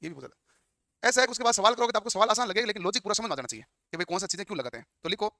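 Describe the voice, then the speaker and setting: A man's voice: high voice, animated, very fast, pushed and bright, no echo, studio quality. A man teaching a class, firing questions at his students and answering them himself. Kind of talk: classroom lecture.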